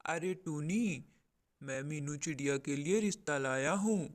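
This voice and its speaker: A man's voice: on the high side, a little slow, lightly acted. A man voicing an eager owl who comes with a marriage proposal in a cartoon.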